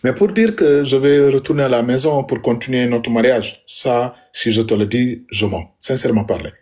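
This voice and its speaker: A man's voice: mid-range voice, moderate pace, darkish tone. Aggrieved man, emphatic and repetitive. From Senegal. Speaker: husband addressing his wife. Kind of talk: heated personal address.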